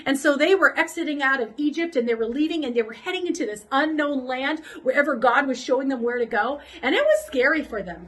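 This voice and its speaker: A woman children's pastor telling a Bible story to kids, casual and animated, acting out the crowd's voices. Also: high voice, rough recording.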